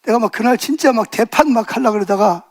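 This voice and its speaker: A man's voice: high voice, fast. A man in his sixties, a pastor preaching a sermon, telling stories and asking the congregation rhetorical questions, building to emphatic bursts.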